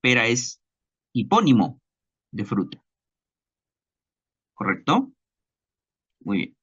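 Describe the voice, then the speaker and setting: A man with a Peruvian Spanish accent teaching a recorded class lecture, slow and deliberate, repeating examples and checking understanding with tag questions. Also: mid-range voice, wildly swooping pitch, fairly bright tone, breathy edge, muffled recording.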